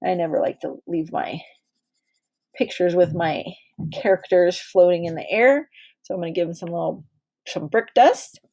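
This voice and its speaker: A woman's voice: fairly low pitch, normal speed, dark tone. A woman teacher in her thirties leading a drawing lesson for small children, patient and encouraging. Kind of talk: directed drawing lesson for young kids.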